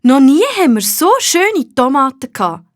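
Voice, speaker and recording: Storybook mom, practical, measured, by a Swiss German woman narrator. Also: a little high, lively intonation, no room sound, studio quality, natural voice. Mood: unenthusiastic. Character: mildly reluctant mother, practical. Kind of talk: children's storybook reading.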